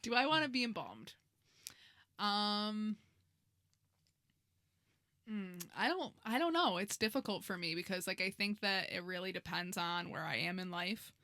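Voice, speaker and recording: A woman's voice: medium pitch, animated, a little slow, pauses often, sharp tone, no room sound. A woman co-hosting a podcast who talks in an earnest, reflective way, thinking aloud with fillers. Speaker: podcast co-host, embalmer. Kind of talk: casual podcast conversation.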